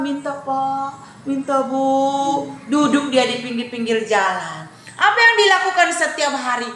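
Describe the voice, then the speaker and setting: A woman's voice: high voice, fairly bright tone, roomy sound, slight background noise. A woman teaching a Bible lesson to young children, telling the story with animation and asking the class questions. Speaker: Sunday school teacher.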